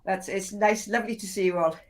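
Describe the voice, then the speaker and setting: A woman's voice: medium pitch, fairly even intonation, a little fast. A woman co-hosting a podcast in casual conversation, speaking emphatically and often repeating her phrases for stress. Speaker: podcast co-host. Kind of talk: casual chat.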